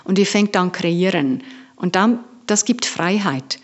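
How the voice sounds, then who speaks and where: Slow, playful woman voice coach. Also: fairly low pitch, highs cut off. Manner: lively, playful, mixes in English words, searches for German words. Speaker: voice coach, guest. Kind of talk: podcast interview.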